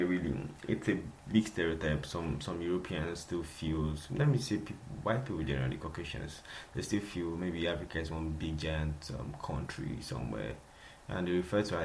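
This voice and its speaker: This young Nigerian man hosts a casual solo podcast in a Nigerian accent, using a dark-ish bass voice at a moderate pace. He's chatty, repeats himself and laughs often, and there's a little hiss or hum on the recording.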